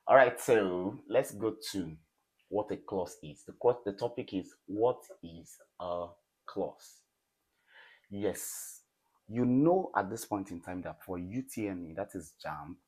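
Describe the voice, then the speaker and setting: A man with a Nigerian accent teaching an English grammar lesson in a classroom, often pausing to ask students questions. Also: deep voice, darkish tone, slightly rough. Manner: call-and-response questioning of students. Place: classroom with a board.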